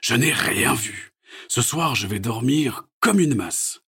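A kind, doting father speaks gently to his daughter, as a man voices him in a storybook. His voice is breathy and husky, lifted somewhat higher than plain talk. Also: lively intonation, slow, full character voice. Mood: puzzled. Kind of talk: storybook read-aloud.

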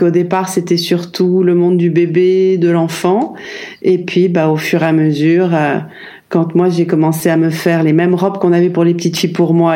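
Hesitant French woman with a dark voice. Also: fairly low pitch. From France. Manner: hesitant, many fillers and restarts. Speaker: brand founder, guest. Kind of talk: reflective interview answers.

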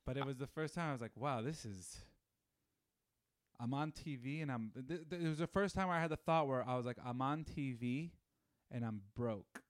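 A man's voice: mid-range voice, moderate pace, no echo, studio quality. Chatty man in his thirties. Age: 30s. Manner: animated storyteller with many fillers. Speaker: podcast guest. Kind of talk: casual chat.

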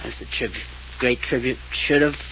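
Heard on a dull, lo-fi old radio transcription with faint hiss, this 1940s drama actor portrays a tipsy, sardonic man of the house who drawls and chuckles mockingly. His mid-range voice is steady, bright and forceful, at normal speed and close to an everyday voice.

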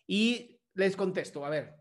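A man's voice: sits high, expressive, a little slow. A man hosts a psychology show, answering a viewer's message in an explanatory, emphatic way with rhetorical questions.

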